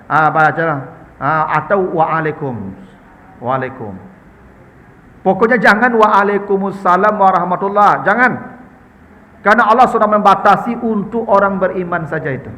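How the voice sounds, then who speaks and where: A man's voice: high-pitched, moderate pace, long pauses, bright, forceful tone, big-room sound. A man with a Minangkabau accent preaching in a chatty, humorous way, often addressing his listeners as sir and ma'am. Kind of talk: conversational Islamic study talk answering questions.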